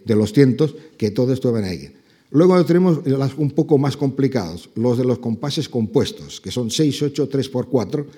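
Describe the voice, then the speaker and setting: Man, guitarist-lecturer, warm husky tone, counts beats aloud. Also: medium pitch. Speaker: flamenco guitarist giving a talk. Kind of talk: spoken lecture on flamenco rhythm.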